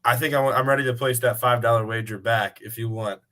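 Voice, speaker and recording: A man's voice: medium pitch, steady tone, quick pace, pushed and bright. A man co-hosting a casual sports chat, playful and joking as he banters about small bets. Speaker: co-host.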